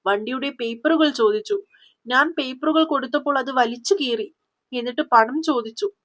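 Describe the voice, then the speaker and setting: A scared young college student who tells her story in a quiet, trembling voice, as a woman storyteller plays her. The voice is fairly high and hushed. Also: lightly acted. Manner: trembling, pleading.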